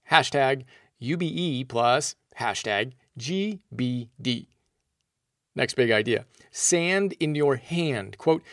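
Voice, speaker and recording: A man's voice: a little high, no echo, clean studio sound. A man reading a scripted, motivational book summary in an earnest tone, quoting passages aloud. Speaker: host summarizing books.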